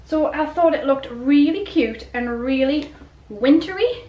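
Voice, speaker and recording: In a small indoor bedroom with roomy echo, a middle-aged vlogger chats casually through what sounds like a clothing haul, rambling a little and asking herself questions. Her high voice is animated but slow, and the highs are cut off.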